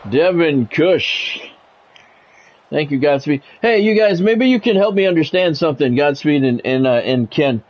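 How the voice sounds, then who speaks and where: Streaming a sports video game, this middle-aged American man is animated and talks a little slowly in a slightly high voice. He moves between conversational banter and punchy calls in the style of an announcer.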